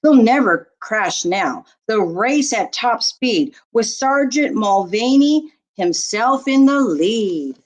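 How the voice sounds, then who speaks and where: Here a woman with a slightly high, expressive voice reads a rhyming children's picture book. She speaks like a teacher telling a story to little ones, deliberate and full of expression.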